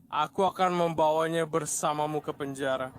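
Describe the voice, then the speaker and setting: A man's voice: on the high side, fairly even intonation, normal speed. A man speaking as a police officer, giving terse, professional replies to someone he has detained. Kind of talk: terse exchange with a detained person. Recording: noisy ambience at a police stop.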